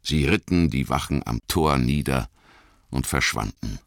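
A man narrating a fantasy audiobook with dramatic, expressive storytelling, recorded close to a studio mic. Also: a bass voice, a little slow, vocal fry, no echo.

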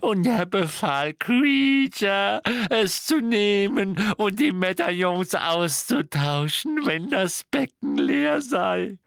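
A woman voicing a wretched, servile old male house-elf who speaks slowly and tearfully and refers to himself in the third person. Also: mid-range voice, animated, creaky, dry recording, studio quality. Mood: grieving. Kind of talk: audiobook character voicing.

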